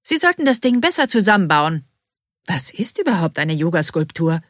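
Woman voicing a shrill, flustered young woman. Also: very animated, dry recording, clean studio sound. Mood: urgent. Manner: shrill, hurried.

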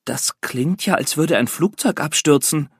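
A man's voice: a little high, unhurried, slightly rough, dry recording, studio quality. A man voicing a worried mother in a children's audiobook, speaking anxiously and a little breathily. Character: worried mother, flustered but kind.

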